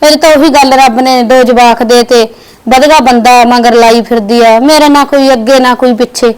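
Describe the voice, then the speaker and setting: An actress playing a hurt, childless wife in a Punjabi village family drama, pleading plaintively with a Punjabi accent. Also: female voice, high-pitched, fast talker, natural voice.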